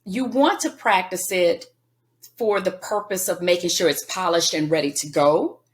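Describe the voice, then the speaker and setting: A woman guest on a podcast interview, giving emphatic, lively coaching advice. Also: on the low side, moderate pace. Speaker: guest speaker.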